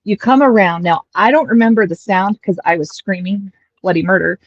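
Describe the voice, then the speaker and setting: An American woman in her thirties, chatting casually on a stream and telling childhood stories with animated, acted-out quotes. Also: medium pitch, fairly quick, no room sound. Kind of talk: casual storytelling chat. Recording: dull lo-fi dry mic.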